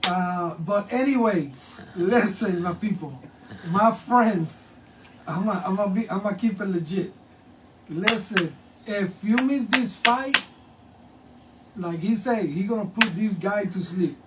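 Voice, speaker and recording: A talkative older man from Puerto Rico, old enough to have a grandson, hosts a casual promo interview with a high voice and a slow pace. He hypes up a fight and switches into Spanish, caught on a distant mic with faint ambient noise.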